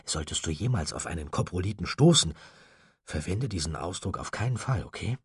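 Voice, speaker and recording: A man with a husky voice, voicing a curious teenage boy who explains things with a teasing edge. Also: low-pitched, animated, fairly quick, no echo, clean studio sound, exaggerated voice.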